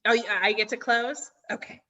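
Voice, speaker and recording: A woman hosting a video-call book launch, bubbly and quick to laugh. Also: fairly high pitch, steady tone, bright, forceful tone, far from the mic. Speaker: event host. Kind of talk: casual video-call chat.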